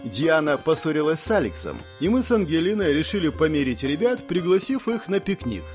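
A man reads an audiobook in the first person. His voice sits fairly high and moves with lively, animated intonation. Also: a little fast, faint music behind. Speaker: audiobook narrator.

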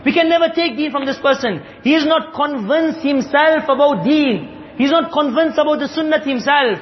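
A man's voice: very high voice, normal speed. A man preaching a sermon, earnest and emphatic, repeating his points and quoting Arabic. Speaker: Islamic preacher. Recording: echoey hall, dull lo-fi sound, faint hiss.

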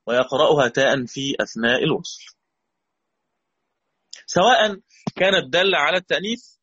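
A man's voice: on the high side, a bit bright, breathy edge. Egyptian man teaching, dull lo-fi audio. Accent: Egyptian Arabic. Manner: patient, repeats key points, asks students questions. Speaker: Quran recitation teacher. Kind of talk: explanatory lesson.

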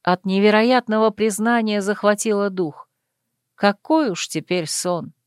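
A woman narrating a first-person romance audiobook in an intimate, measured reading. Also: mid-range voice, clear, resonant tone, no echo, studio quality.

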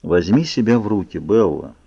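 A man voicing a cold, angry young male vampire in an audiobook, talking low and clipped. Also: animated, normal speed, creaky, mellow, husky, no echo, exaggerated voice. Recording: muffled lo-fi recording.

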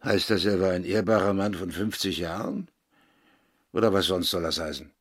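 Husky, brooding Edward Rochester. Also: male voice, deep voice, normal speed. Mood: jealous, probing. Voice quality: husky, breathy. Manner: gruff, probing, mocking, swinging from murmur to outburst. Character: Edward Rochester, brooding, jealous, sardonic older husband. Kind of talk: literary radio drama dialogue.

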